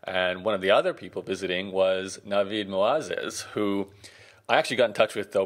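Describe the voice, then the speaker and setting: A man hosting a podcast interview, talking in a relaxed, conversational way with some fillers. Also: low-pitched. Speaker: podcast host.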